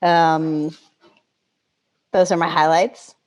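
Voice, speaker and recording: A woman in her thirties from Connecticut, answering interview questions in a relaxed, hesitant way with many fillers. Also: deep voice, very slow. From Connecticut, United States. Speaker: guest.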